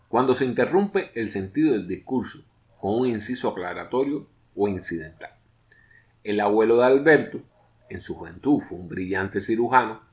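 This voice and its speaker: A man from Mexico narrating a scripted grammar lesson in a measured way, reading out his examples with lifted emphasis. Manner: measured, reads example sentences with lifted pitch. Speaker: teacher.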